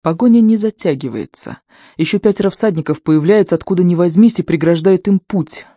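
An audiobook narrator reading scripted prose in a steady, measured way. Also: mid-range voice, no room sound, clean studio sound.

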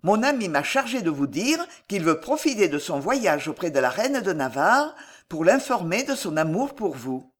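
Brief: woman doing a polite, steady young swordsman in a storybook. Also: fairly low pitch, moderate pace, husky. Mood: reassuring. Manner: courteous, reassuring. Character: young male chevalier, bold and courteous.

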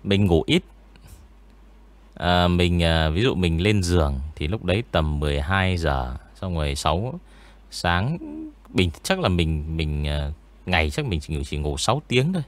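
Deep-voiced man, rambling. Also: measured pace. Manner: relaxed, rambling, many fillers. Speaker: ghost story narrator. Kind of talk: casual interview chat.

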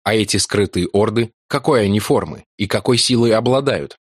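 Male narrator, low voice, dry close sound, measured storytelling. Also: husky, no room sound. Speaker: audiobook narrator. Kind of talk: scripted narration.

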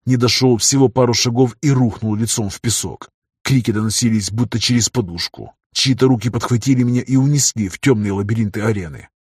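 A man narrating a first-person adventure audiobook in an even, steady storytelling voice. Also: medium pitch, a little fast, slightly rough, no room sound, studio quality.

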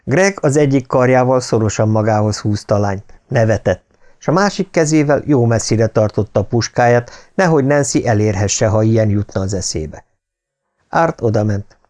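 A man narrating an audiobook thriller in a calm, measured way. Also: fairly low pitch.

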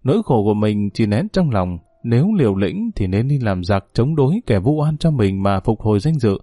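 A man voicing a weary, gentle aging father who speaks softly and consolingly to his daughter. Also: very animated, moderate pace, no echo. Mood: bitter. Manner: soft, consoling, low-spoken.

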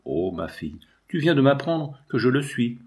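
A man reading the lines of a proud father, emotional and halting. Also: mid-range voice, sing-song, lightly acted. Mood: shaken.

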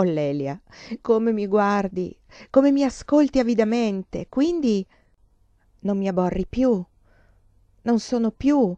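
A woman voicing a worldly, pleasure-loving young courtesan who speaks to her sister gently and slowly, in a dull lo-fi recording. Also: mid-range voice, no echo, lightly acted.

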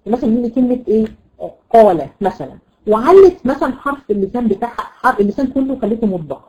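A woman with an Egyptian accent teaching a Quran recitation lesson, explaining patiently, repeating words and checking understanding with quick questions. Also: a little high, darkish tone, low-quality recording. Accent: Egyptian Arabic. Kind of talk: classroom lesson.

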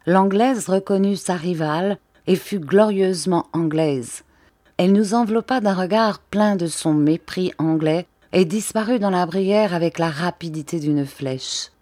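A woman reads a classic novel aloud in a measured, expressive way. Her voice is low and mellow, and the close recording sounds dry with no room around it. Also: no echo. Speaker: audiobook reader. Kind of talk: literary audiobook narration.

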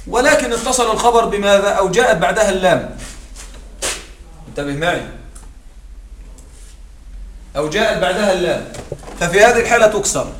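A man's voice: high voice, fairly bright tone. A man teaching an Arabic grammar class, often checking in with his students to make sure they follow. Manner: checks in with students often, greets arrivals mid-lesson. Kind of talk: classroom lesson. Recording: echoey room, distant mic, background noise.

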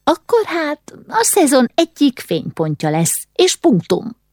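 A woman's voice: high-pitched, wildly swooping pitch, a little mellow, dry recording, studio quality, voice pushed up. A woman voicing a haughty, fussy aristocratic mother who is condescending and easily alarmed, in an audiobook reading. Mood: bossy.

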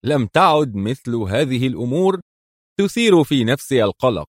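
Brief: man doing a cool, confident secret agent, calm delivery, dry close sound. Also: mid-range voice, moderate pace, dry recording, lightly acted. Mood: calm, assured.

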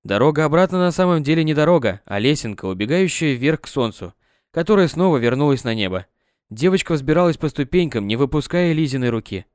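A man narrating an audiobook with an expressive reading on a close mic. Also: on the high side, a little fast, clear, resonant tone, no echo.

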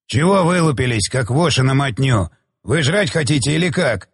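A man voicing a gruff, jealous middle-aged father who talks in crude, curt growls. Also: mid-range voice, animated, moderate pace. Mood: scolding.

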